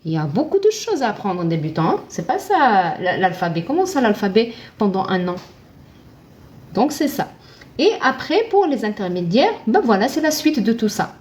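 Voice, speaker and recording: A woman's voice: medium pitch, big pitch swings, normal speed, a little mellow. A woman teaching Arabic in a casual live-stream, chatting with viewers and answering her own questions.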